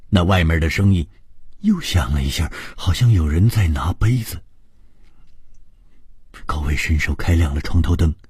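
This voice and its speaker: A man's voice: a bass voice, mellow, breathy edge, no room sound. A man narrating a suspenseful ghost story in a dramatic storytelling manner, close to a studio microphone.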